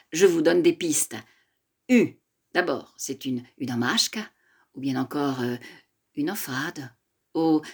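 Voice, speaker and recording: Husky low-voiced older woman storyteller. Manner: lively, addresses listeners directly, mixes in Occitan phrases. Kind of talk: oral storytelling.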